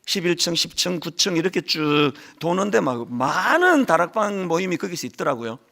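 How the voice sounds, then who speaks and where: A man's voice: a little high, normal speed, vocal fry. A middle-aged male pastor preaching a sermon, telling stories animatedly and acting out quotes, with a lingering cold. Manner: animated storytelling with acted quotes.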